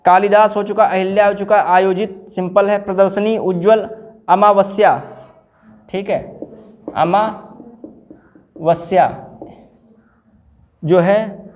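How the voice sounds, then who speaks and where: A male teacher with a high-pitched voice and darkish tone leads an exam-prep spelling lesson. He repeats every word and quizzes his students, informally calling them brother.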